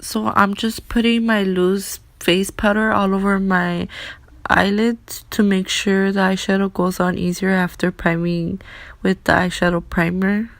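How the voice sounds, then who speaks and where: A woman's voice: medium pitch, little pitch movement, measured pace, no echo. A young woman casually narrating a makeup tutorial as a beauty vlogger, speaking with her mouth held slightly open around braces.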